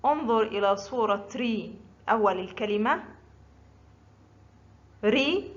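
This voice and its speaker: A woman teaching Arabic letter sounds, drawing out each syllable slowly and deliberately for learners. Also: mid-range voice, a bit bright. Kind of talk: slow scripted letter-pronunciation lesson. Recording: dull lo-fi audio.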